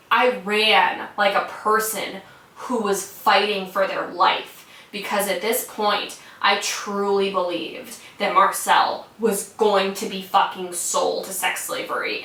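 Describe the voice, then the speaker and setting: A woman's voice: medium pitch, pushed and bright. A young American woman telling a personal story in a casual way, swearing freely and saying "like" a lot. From United States. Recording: roomy sound from a distant mic.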